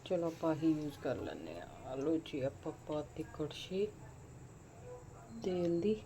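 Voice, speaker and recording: A woman's voice: low-pitched, very animated, a little slow, warm tone. A woman with a Punjabi accent vlogging casually, chatting to viewers and to herself as she goes about things. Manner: chatty, talks to herself while busy. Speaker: home vlogger. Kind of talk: casual vlog chat, narrating as she goes. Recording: noisy handheld home-video sound.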